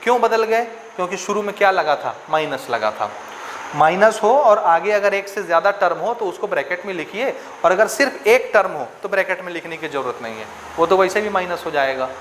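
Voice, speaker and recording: High-voiced man teaching maths step by step. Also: expressive, a little fast, fairly bright tone, a little hiss or hum. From India. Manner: repetitive, questioning, checks understanding often. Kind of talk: classroom lesson explaining step by step.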